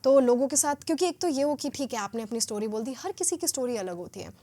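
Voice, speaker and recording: A woman, her voice sitting a little higher than most. She speaks as a podcast guest, measured and self-assured, and mixes two languages fluidly. She reflects calmly as she explains her outlook. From Haryana, India. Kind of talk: podcast interview.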